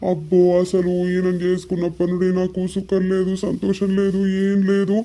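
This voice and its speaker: A woman voicing a fearful, tearful adult village husband in a cartoon, pleading softly in a Telangana accent. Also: lowish voice, monotone, moderate pace, lightly acted. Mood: timid, pleading. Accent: Telangana Telugu. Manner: pleading, fearful, soft-spoken. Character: timid weepy village husband, adult man. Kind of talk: cartoon voice acting.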